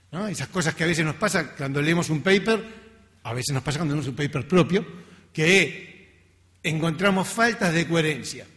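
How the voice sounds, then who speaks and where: A middle-aged research scientist with a Latin American accent gives an informal lecture in a lecture hall, conversational and self-deprecating. His voice is fairly high and a bit bright, and the hall is reverberant.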